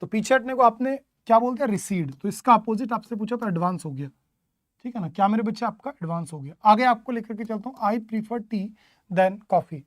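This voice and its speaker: A man's voice: high voice, lively intonation, fast talker, dry recording, clean studio sound. A male teacher giving an online exam-prep English lesson, drilling word meanings with repeated questions and calling students his children.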